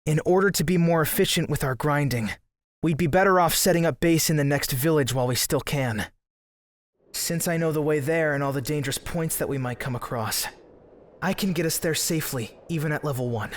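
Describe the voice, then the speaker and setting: A man's voice: a little high, fairly quick, close to an everyday voice. A man voicing a determined young male gamer hero in an anime fan dub, with an earnest, dramatic delivery. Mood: urgent, serious.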